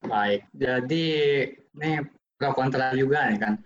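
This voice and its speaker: A man's voice: medium pitch, slow, dull audio. A man moderating a discussion, asking questions and handing the floor to panelists.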